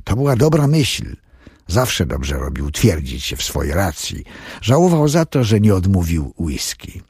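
Male narrator, husky, animated pitch, scripted audiobook. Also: unhurried, no room sound, studio quality.

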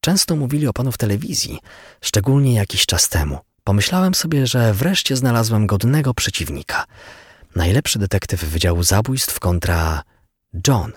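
A man's voice: fairly low pitch, expressive, husky, no room sound, clean studio sound, voice pushed up. A man doing a smug taunting murder suspect. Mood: mocking. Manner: mocking, unhurried, coolly polite.

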